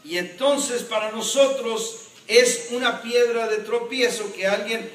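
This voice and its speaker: A man, a pastor, preaching a sermon in an animated way and joking with the congregation. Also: extremely high pitch, unhurried. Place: church. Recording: echoey church hall from a distance.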